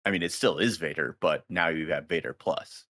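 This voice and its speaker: Very deep-voiced hesitant man. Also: normal speed, fairly bright tone. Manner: hesitant, repeats words, laughs easily. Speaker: podcast co-host. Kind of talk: casual hobby podcast chat.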